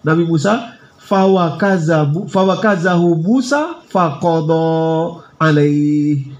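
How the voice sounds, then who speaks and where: A man's voice: fairly high pitch, vocal fry, highs cut off. A male Islamic preacher giving a sermon at a study gathering in a restaurant lounge, reciting Arabic verses and explaining them to his listeners. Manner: addresses the audience directly, recites Arabic verses then explains. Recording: roomy echo from a distant mic, faint ambience.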